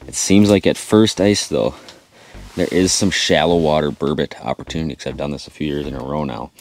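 Deep-voiced excitable fishing vlogger. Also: male voice, brisk, a little hiss or hum. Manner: excitable, talks to viewers while reeling in fish. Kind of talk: excited play-by-play vlog. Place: inside an ice-fishing tent. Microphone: action camera mic.

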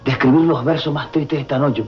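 A man's voice: mid-range voice, fairly even intonation, fast, close to an everyday voice. Actor doing a heartbroken venezuelan guy, whiny and dramatic, middle voice. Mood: lovelorn. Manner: melodramatic, rambling. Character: lovesick comic older man, theatrical and self-pitying. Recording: dull TV audio with music.

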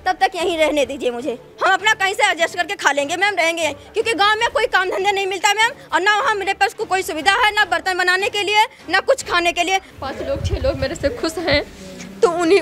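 A woman's voice: very high voice, a little fast, fairly bright tone. A woman talking to a reporter outdoors outside a house, pleading her side of a family quarrel in earnest. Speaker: daughter-in-law interviewee. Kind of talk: street interview.

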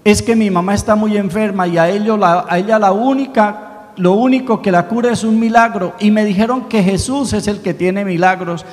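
A man's voice: in a large hall, natural voice. A man with a Santander Colombian accent voicing a small boy who begs for a miracle for his sick mother, in a sermon story. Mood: earnest. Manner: earnest, high and drawn-out pleading.

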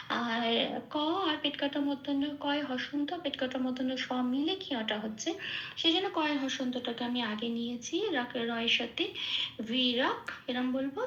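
A woman with a high voice walks through recitation pronunciation patiently, breaking each word into slow syllables with soft fillers in between. The sound is roomy and a bit dull, with a faint hiss under it. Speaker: Gita recitation teacher. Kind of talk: patient step-by-step pronunciation lesson.

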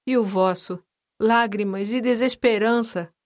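Woman doing a heartbroken young gentleman, impassioned. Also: fairly high pitch, unhurried, natural voice. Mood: grieving. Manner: sorrowful, impassioned. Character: young nobleman son, grieving and indignant.

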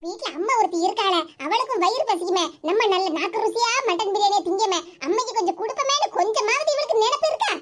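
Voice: very high voice, expressive, quick pace, few pauses. A performer voicing a bitter, grumbling old mother in a cartoon, with a Tirunelveli Tamil accent and a scolding, self-pitying way of talking. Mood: lamenting. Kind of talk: cartoon voice acting. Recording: loud background noise.

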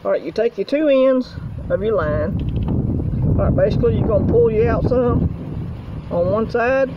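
A man's voice: high voice, animated, normal speed. A middle-aged man, casually demonstrating knots outdoors in a folksy, rambling way while filming on a handheld phone. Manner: folksy, rambling, talks while working with his hands. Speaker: outdoors vlogger. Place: outdoors in a yard. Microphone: handheld phone camera. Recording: dull lo-fi phone audio, faint outdoor noise.

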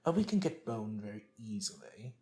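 A man's voice: fairly low pitch, very animated, moderate pace, warm tone. A man giving casual, rambling gameplay commentary while tired, joking at himself as he plays. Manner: rambling, self-mocking, talks to himself. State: sleepy and tired. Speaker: gaming channel host. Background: faint game music and mouse clicks.

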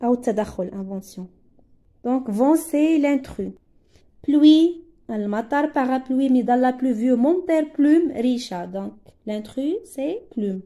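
A young woman with a Moroccan accent leads a French lesson for pupils, slowly repeating each word. Her voice sits a little high but sounds mellow and soft. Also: animated. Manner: slow, drawn-out repetition of words for pupils, switching into Arabic to translate. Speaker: French teacher. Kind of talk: classroom lesson explanation.

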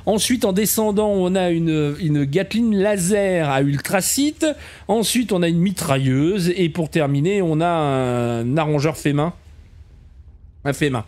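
A man's voice: on the high side, unhurried, a little mellow. A man giving a chatty, casual commentary as he tours a game camp, talking to viewers as kids and poking fun at himself. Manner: chatty, calls viewers "les enfants"; self-mocking asides. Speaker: game camp tour host.

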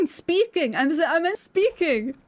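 A woman's voice: very high voice, big pitch swings, takes it slowly. A woman streamer chatting casually with her viewers while she eats and plays a game. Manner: chatty, eating while talking, laughs often. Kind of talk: casual live-stream chat while gaming and eating.

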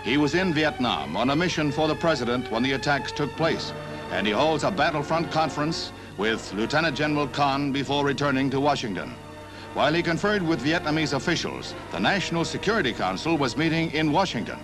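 A man with an American accent and a slightly high voice reads with lively intonation at a little fast pace. It's a formal, scripted 1960s newsreel narration delivered in a declarative announcer style, on a soundtrack with newsreel music.

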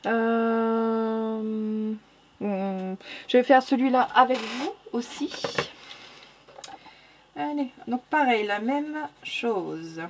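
A woman with a non-standard French accent talks her way through a coloring tutorial in a relaxed, chatty way. She corrects herself often and keeps muttering "hop" as she works. Her voice sits a little high, with a faint hiss in the room behind it. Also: drawn-out words. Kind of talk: casual narrated drawing tutorial.

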